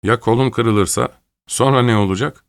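A man voicing a boastful, quick-tempered male boxer who talks in a pushy, blustering way. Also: mid-range voice, creaky, dry recording, clean studio sound, pitched above the performer's own voice, natural voice.

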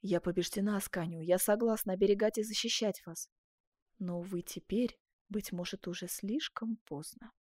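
A woman's voice: mid-range voice, fairly even intonation, moderate pace, darkish tone, dry recording, lightly acted. Melodious duchess, passionate and anxious, dead dry audiobook sound lady doing the voice. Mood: sad, soft. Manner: melodious, pleading.

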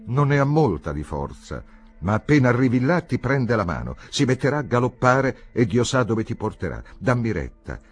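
A man's voice: mid-range voice, big pitch swings, normal speed, breathy edge, voice pushed up. A man reading aloud voices a bossy, motherly army canteen woman who chides and gives orders in a commanding, street-wise way. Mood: chiding.

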